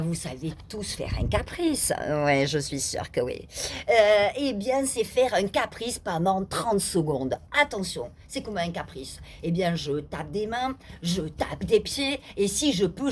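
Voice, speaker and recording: A middle-aged woman leads a laughter yoga session in a playful, demonstrative way. She talks her listeners through each exercise, pausing on hesitations and often slipping into laughter. Her voice sits at an ordinary pitch for a woman. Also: animated, a little hiss or hum. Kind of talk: guided exercise class.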